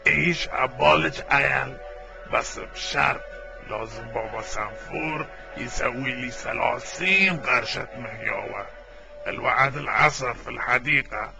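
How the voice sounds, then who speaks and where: A man with a Bahraini Gulf Arabic accent voicing a scheming, gravelly cartoon villain in a comic dub. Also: mid-range voice, moderate pace, bright, forceful tone, soft background music. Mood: bargaining. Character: scheming villain bargaining with the Smurfs.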